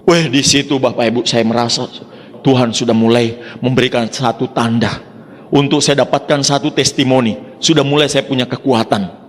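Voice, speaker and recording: A man's voice: mid-range voice, fairly even intonation, moderate pace. A man giving a motivational talk to an audience, telling his story with acted-out dialogue and frequent direct address. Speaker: motivational speaker. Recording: long hall reverb.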